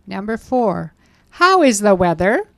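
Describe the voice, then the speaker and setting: Female lesson reader, slow, careful prompts, very dry studio sound. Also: medium pitch, sing-song, fairly bright tone, no room sound. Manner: slow, clearly enunciated prompts. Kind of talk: scripted language lesson dialogue.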